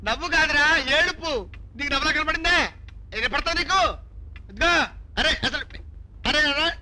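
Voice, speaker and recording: A man's voice: extremely high pitch, sharp tone, slight background noise, exaggerated voice. An actor playing a bumbling, panicky young cosmetics salesman in a film comedy, wailing out one exclamation after another. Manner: frantic, full of wailing exclamations.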